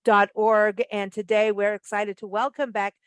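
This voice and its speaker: A woman's voice: mid-range voice, level tone, normal speed, clear, resonant tone, dry recording. A woman hosting a radio interview show, talking in an upbeat, chatty way with fillers. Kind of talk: casual interview chat.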